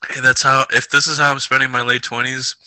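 Twenties guy cohosting a podcast, bright punchy voice, dry close sound, laughs a lot. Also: medium pitch, little pitch movement, brisk, no room sound, low-quality recording. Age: 20s. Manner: laughs often, loose and rambling. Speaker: podcast co-host. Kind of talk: casual chat.

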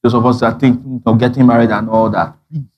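A man's voice: medium pitch, quick pace, dull audio. A man preaching a sermon, telling stories with acted-out dialogue and frequent laughter. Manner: animated storytelling, acting out dialogue, frequent laughter. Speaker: pastor.

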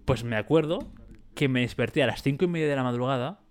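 A man's voice: mid-range voice, fast talker, faint music behind. Chatty man telling a story. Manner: storytelling, lots of fillers and slang. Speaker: podcast co-host. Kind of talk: casual podcast chat.

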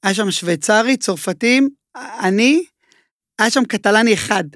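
A man talking as a chef guest in a casual interview. He tells his stories in an animated way and uses a lot of filler words. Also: high-pitched, dry recording, studio quality. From Israel.

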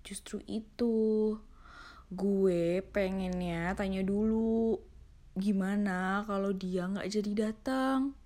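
A woman's voice: medium pitch, fairly even intonation, slow pace, warm tone, close to an everyday voice. Woman reading as a worried young male driver. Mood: insistent.

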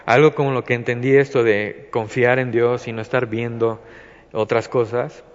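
A man with a Mexican accent leads an informal Bible study, his speech looping through fillers and restarts. His voice sits at an ordinary pitch. The recording is muffled and carries a long, hall-like reverb. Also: flat delivery, moderate pace, slight background noise. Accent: Mexican Spanish. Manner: rambling, many fillers and restarts. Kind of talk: informal devotional talk.

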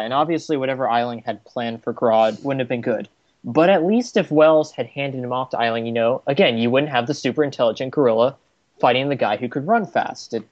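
A man's voice: mid-range voice, no room sound, lo-fi sound. A man co-hosting a podcast in casual chat, wry and analytical. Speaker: podcast co-host.

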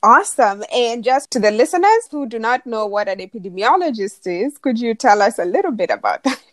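A woman's voice: fairly high pitch, lively intonation, fairly quick, no room sound. A woman interviewing a guest, asking questions in an upbeat, encouraging way.

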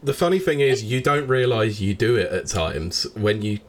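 A man's voice: on the low side, animated, moderate pace, slight background noise. A man co-hosting a podcast in casual chat, making dry teasing remarks. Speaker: podcast co-host.

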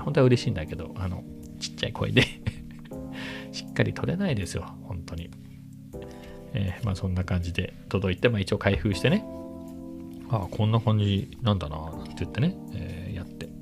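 A man with a low, gravelly voice talks casually in a rambling vlog, now and then sinking into a hushed near-whisper. Clear guitar music plays behind him the whole time. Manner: rambling, chatty, sometimes drops to a hushed low voice. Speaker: camera vlogger. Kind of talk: casual chat. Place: at home with family in next room.

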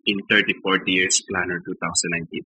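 Bright-voiced joking man. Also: low-pitched, level tone, brisk, low-quality recording. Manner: joking, teasing, laughs often. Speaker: podcast co-host. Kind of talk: casual chat.

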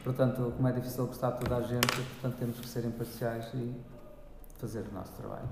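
A man with a European Portuguese accent, a teacher as podcast guest, talking in a calm, measured way and explaining patiently. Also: medium pitch, vocal fry. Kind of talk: casual chat. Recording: echoey room with long reverb, faint noise.

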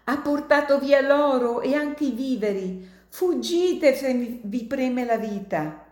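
Storybook role: woman doing old wounded miner, strained and gasping, high and roomy. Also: animated, slow pace, darkish tone. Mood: dying, pleading. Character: old male American miner, wounded and dying.

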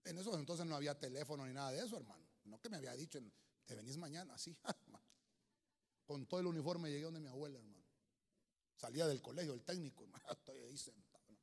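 A man's voice: on the high side, lively intonation, fast talker, creaky, slightly rough. Man preaching in a reverberant hall. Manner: storytelling with humor, swings from loud to hushed. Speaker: pastor. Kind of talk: sermon. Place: church hall.

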